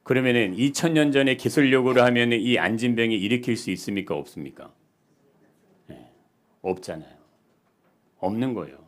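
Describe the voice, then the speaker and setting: A male pastor giving a sermon, asking the congregation questions and swinging between soft, quiet lines and loud, emphatic ones. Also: medium pitch, lively intonation, brisk, pauses often.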